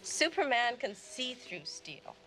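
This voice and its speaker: A woman's voice: fairly high pitch, very animated, takes it slowly, bright, forceful tone, soft background music, full character voice. A young actress playing a sassy, blunt young woman in a 1980s horror comedy film. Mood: annoyed, sassy. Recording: noisy old film soundtrack.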